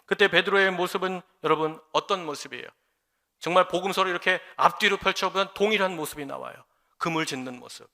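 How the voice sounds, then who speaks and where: Bright-voiced preaching pastor in a reverberant hall. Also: male voice, high voice, vocal fry. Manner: preacherly, acting out quoted dialogue. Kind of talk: sermon. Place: church sanctuary. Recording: long church hall reverb.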